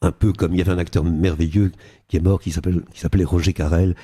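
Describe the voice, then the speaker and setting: A man's voice: sits low, steady tone, fast talker, dark tone, slightly rough. An older man, an actor being interviewed on radio, talking animatedly and slipping into character voices now and then. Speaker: guest actor.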